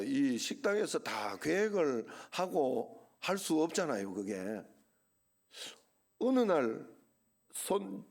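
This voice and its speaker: Middle-aged male pastor, Gyeongsang accent, slightly high voice, chatty sermon delivery with rhetorical questions. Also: darkish tone. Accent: Gyeongsang Korean. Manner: conversational preaching with rhetorical questions and asides. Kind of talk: Sunday sermon.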